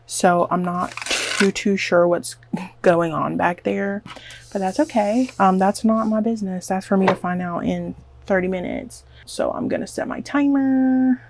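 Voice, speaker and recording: A woman from the American South, a beauty vlogger, chats with her camera at home while coloring her hair, rambling nervously, making fun of herself, and filling her speech with "like." Her voice is medium-pitched, creaky, and a little mellow, at a measured pace, with slight background noise.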